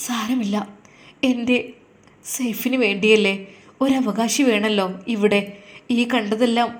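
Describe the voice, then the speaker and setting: A woman voicing a devoted young wife who pleads softly and earnestly with her husband. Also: a little high, fairly even intonation, slow pace. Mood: resolved, tearful.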